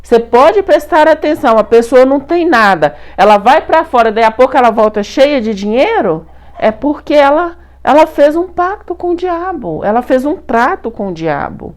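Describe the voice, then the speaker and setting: A middle-aged Brazilian woman telling a personal story to her viewers in a lively, colloquial, repetitive way. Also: high-pitched, normal speed. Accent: Brazilian Portuguese. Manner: animated, repetitive, colloquial retelling. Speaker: spiritual channel host.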